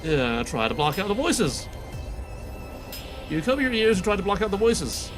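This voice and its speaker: High-voiced, animated man commenting on a game. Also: normal speed, music in the background. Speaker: gamer reading quest dialogue aloud.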